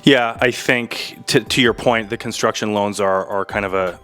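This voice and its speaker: A man's voice: on the low side, steady tone, normal speed, a bit bright, soft background music. A man co-hosting as a realtor, explaining things in casual chat with fillers and self-corrections. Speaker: realtor co-host.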